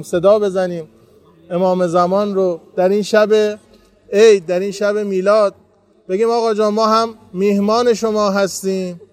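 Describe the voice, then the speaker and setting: Earnest high-voiced man preaching to pilgrims. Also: a little mellow, no echo. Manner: storytelling, earnest and heartfelt. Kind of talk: devotional talk to pilgrims. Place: shrine.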